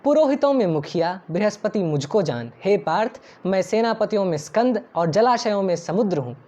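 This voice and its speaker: एक महिला जो धार्मिक श्लोकों को गाकर पढ़ती है और फिर उनका अर्थ शांत, नपे-तुले ढंग से पढ़कर सुनाती है।. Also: female voice, medium pitch, animated, normal speed, warm tone. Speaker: scripture reciter and translator. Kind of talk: chanted verse recitation with read translation. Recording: dull lo-fi recording over faint instrumental music.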